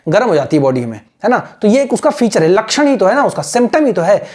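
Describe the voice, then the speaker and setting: A man's voice: high voice, a little mellow. A male teacher giving a screen-share language lesson, patiently repeating points, checking in with the viewer and drilling pronunciation syllable by syllable. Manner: mixes English phrases into his explanations.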